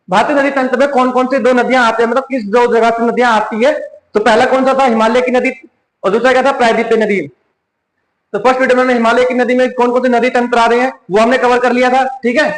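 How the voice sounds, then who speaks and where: A man with a Hindi accent teaching an exam-prep lesson, repeating each question and answering it himself. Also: very high-pitched. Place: coaching classroom. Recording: echoey room.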